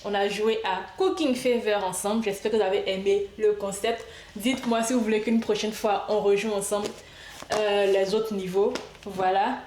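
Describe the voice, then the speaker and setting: A woman's voice: mid-range voice, fairly even intonation, normal speed, darkish tone, a little hiss or hum. A woman giving casual gameplay commentary, chatty and playful, talking to the game's customers as if serving them herself. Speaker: gaming video creator. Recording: echoey room.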